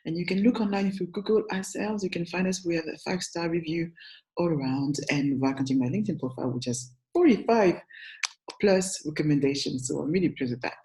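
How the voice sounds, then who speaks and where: Speaking briskly in a warm, lowish voice, this young adult from France, with a French accent, is an agency founder and brand strategist offering upbeat business tips to camera. She chats, corrects herself often, and checks in with the viewer, though the recording quality is low.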